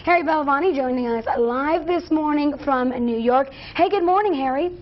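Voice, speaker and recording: A woman's voice: high voice, normal speed, muffled recording. A woman introducing a live guest on a news show. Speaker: news anchor.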